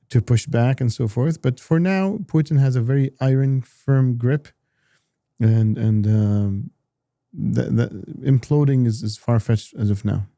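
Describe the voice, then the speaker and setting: A man talking politics as an analyst in a casual discussion, halting often with repeated words and restarts. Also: mid-range voice, mellow, dry recording, clean studio sound.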